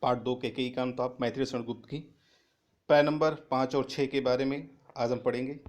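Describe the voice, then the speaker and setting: A man's voice: steady tone, fairly quick, a little mellow. A man teaching a class, reading lines of a poem and then restating each one in simple words, his voice lifting when he stresses a point. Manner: rises in pitch and volume on emphatic paraphrases. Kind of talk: reading and explaining a Hindi poem.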